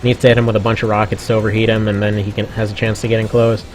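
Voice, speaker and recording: A man's voice: fairly low pitch, flat delivery, racing, soft background music. A man giving chatty, casual commentary on a game stream, laughing often.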